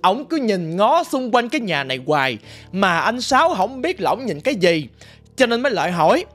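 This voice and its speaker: A man's voice: high-pitched, big pitch swings, moderate pace, a bit bright, faint music behind. A man narrating a ghost story in a conversational, colloquial way.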